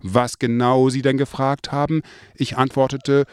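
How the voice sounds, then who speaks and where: A man reading his memoir aloud in a mid-range voice, recorded dry and close with no room sound. His telling is lively, and his voice rises for the remembered lines. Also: mid-range voice, a little slow, clear, resonant tone, no room sound. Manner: lively storytelling, quoted lines in a raised voice. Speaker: narrator.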